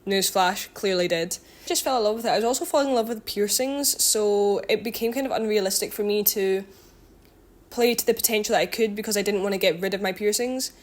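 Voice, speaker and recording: A woman's voice: mid-range voice, fairly quick. A twenty-year-old woman chatting casually to her viewers, rambling with lots of ums and likes and correcting herself as she goes. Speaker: vlogger and student. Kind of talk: casual chatty catch-up vlog.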